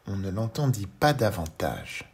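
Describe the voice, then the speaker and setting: A male storyteller narrating a children's audiobook, slow, gentle and expressive as he addresses a young listener. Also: low voice.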